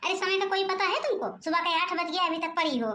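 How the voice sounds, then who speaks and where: A woman's voice: extremely high pitch, fairly quick, sharp tone, reverberant, slight background noise. A woman with an Awadhi-region accent voicing a strict, scolding middle-aged mother-in-law in a home-made cartoon. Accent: Awadhi-region Hindi. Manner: nagging, exasperated, sarcastic.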